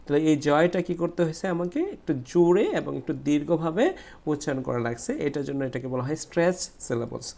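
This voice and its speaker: A man, teaching a class 5 English lesson and slowly repeating words syllable by syllable. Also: a little high, gravelly, a little mellow. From Bangladesh. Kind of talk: explaining a class 5 English textbook.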